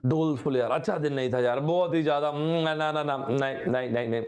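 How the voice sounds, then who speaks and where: Brief: young male online teacher, slightly higher-pitched voice, joking Hinglish lesson patter that keeps calling the viewers friends. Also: a little fast, darkish tone. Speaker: online exam-prep teacher. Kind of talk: lively Hinglish vocabulary lesson.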